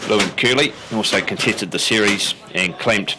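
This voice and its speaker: A man's voice: lowish voice, normal speed, noisy background. A man with a broad New Zealand accent giving greyhound race previews and commentary.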